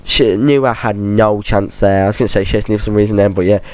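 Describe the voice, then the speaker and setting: Over game footage, a man who has a cold rambles casually about football, frequently starting his sentences over. The gaming channel host speaks fairly quickly, with a lowish, darkish voice and fairly even intonation.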